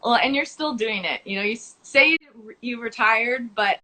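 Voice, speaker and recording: A woman hosting a podcast, asking her guest open questions in a relaxed, conversational way. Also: on the high side, normal speed, background noise. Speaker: podcast host. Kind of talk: casual interview.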